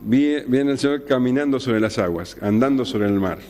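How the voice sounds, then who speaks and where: A man preaching an expository sermon, slowing down and dropping low on key words for drama. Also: a little mellow. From Argentina. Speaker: pastor. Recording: long hall reverb.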